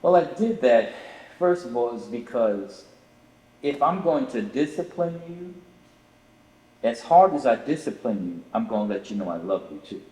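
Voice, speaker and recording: A man's voice: mid-range voice, big pitch swings, normal speed, darkish tone. Earnest fatherly man in an echoey room. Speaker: father of the co-host. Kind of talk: casual podcast conversation. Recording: echoey room with long reverb.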